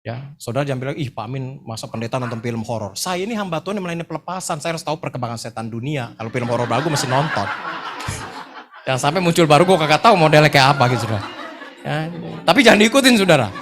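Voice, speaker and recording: A middle-aged man preaching a lively, humorous sermon, joking and telling stories in slangy speech. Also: fairly high pitch, fast, background noise. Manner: animated, joking, slangy storyteller. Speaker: pastor.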